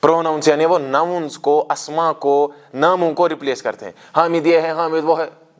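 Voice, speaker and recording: A man's voice: on the high side, fairly even intonation, normal speed. A man teaching Arabic grammar to a class, explaining terms step by step, asking questions and leading recitation drills.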